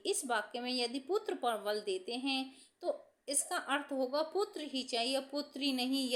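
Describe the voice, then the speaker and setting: A woman teacher reading exam answers aloud from study notes in a steady, dictation-like way, announcing each question number. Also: high-pitched.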